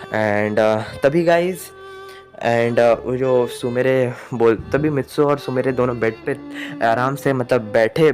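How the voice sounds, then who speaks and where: A man's voice: mid-range voice, darkish tone. Hesitant young man telling a story. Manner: hesitant, filler-heavy, talks to viewers as guys. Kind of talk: casual storytelling.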